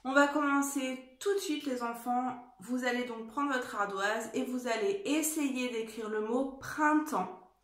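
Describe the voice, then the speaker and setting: A woman teacher with a slightly high voice leads a dictation lesson for young children. She talks very slowly and spells out each word letter by letter. The recording has an echoey room sound. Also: steady tone. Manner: slow, careful spelling out of words and letters. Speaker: primary school teacher.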